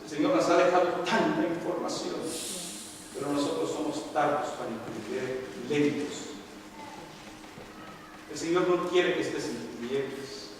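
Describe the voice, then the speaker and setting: Older male pastor, high-pitched, impassioned sermon, recorded from afar in a reverberant church with faint noise. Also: measured pace. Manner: impassioned preaching, swinging from loud cries to low murmurs. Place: church sanctuary. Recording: echoey church hall, distant mic, faint noise.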